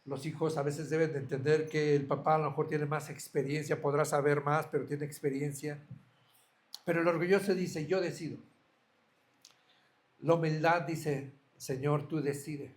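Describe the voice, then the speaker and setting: A man's voice: a little high, steady tone, normal speed. A man preaching a sermon as a pastor, earnest, asking his listeners direct questions.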